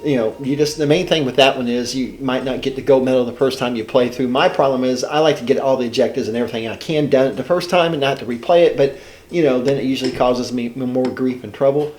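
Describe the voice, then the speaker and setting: Here a congested older man with a head cold talks quickly through a casual gameplay walkthrough as a channel host. The medium-pitched voice is a little mellow and sounds reverberant. His delivery is rambling and folksy, with frequent self-corrections.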